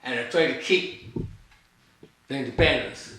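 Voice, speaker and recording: An older man from Barbados, a guest author, tells rambling conversational stories emphatically, repeating points and trailing off mid-thought. His medium-pitched voice is animated, a bit bright, and at normal speed, with a little hiss or hum in a very echoey room.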